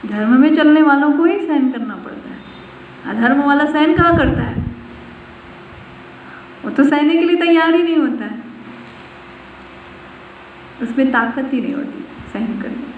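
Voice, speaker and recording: A woman's voice: high-pitched, measured pace, long pauses. Woman, spiritual teacher, devotional talk, repeats herself, asks questions, distant, tinny, faint hiss. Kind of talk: devotional discourse. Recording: far-off voice in an echoey room on a tinny phone-like line.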